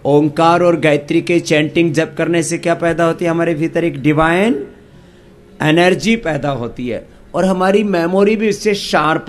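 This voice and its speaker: A man with an Indian accent leading a yoga class, chanting mantras slowly and correcting the students' pronunciation. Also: on the high side. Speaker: yoga teacher.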